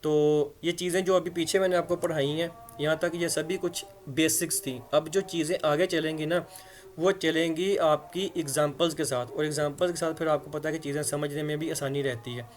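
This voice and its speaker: Male grammar teacher, a bit high-pitched, chatty explainer who spells words aloud. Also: steady tone, a little fast. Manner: conversational, checks understanding with repeated "theek hai". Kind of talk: explanatory lesson in Hindi-Urdu.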